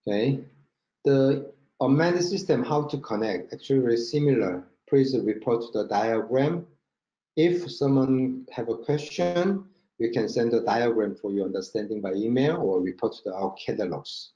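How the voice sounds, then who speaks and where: This Korean-accented company marketing director has a mellow, medium-pitched voice and presents a product over slides during an online webinar, sharing his screen. His English is halting and non-native, peppered with check-in words. The indoor room gives the webinar sound a roomy, dull quality.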